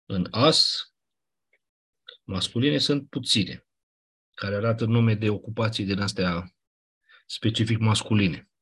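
A man teaching a class, explaining grammar rules patiently, often checking that students follow and clearing his throat now and then. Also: lowish voice, long pauses, a bit bright. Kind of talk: classroom lecture on Ancient Greek grammar.

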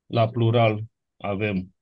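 Man, teacher, classroom lecture, methodical, slightly low pitch, faint clicking behind. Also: level tone, muffled recording. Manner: methodical, checks with short tag questions. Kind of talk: classroom lecture reviewing grammar.

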